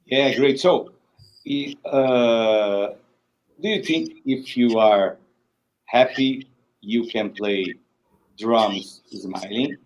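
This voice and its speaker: Slow, halting male stream host. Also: medium pitch, low-quality recording. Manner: halting, searching for words, many uhs. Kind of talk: live stream interview. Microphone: video call.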